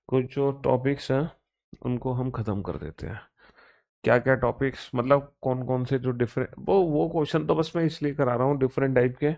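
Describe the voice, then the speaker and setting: A man's voice: mid-range voice, creaky, darkish tone. A man with an Indian accent teaching a live online reasoning class, chatty and playful, joking with students between explanations.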